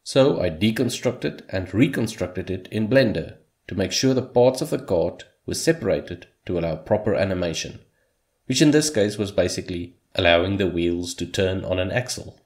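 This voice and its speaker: In a low, darkish voice, a native Afrikaans-speaking man narrates a scripted look back on a year of hobby game development. His delivery is measured, with dry humor.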